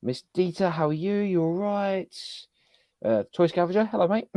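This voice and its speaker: A man's voice: high-pitched, normal speed, no echo, dull audio. A man hosting a live toy podcast stream, upbeat, greeting viewers one by one in casual chat. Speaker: podcast host.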